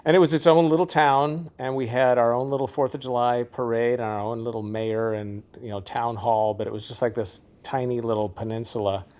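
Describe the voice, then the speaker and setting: A man's voice: medium pitch, steady tone, fairly quick, hardly any pauses, a little mellow. Laughing, rambling man telling stories. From Seattle area, US. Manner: rambling storyteller who laughs often. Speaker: guest musician. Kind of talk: casual interview chat.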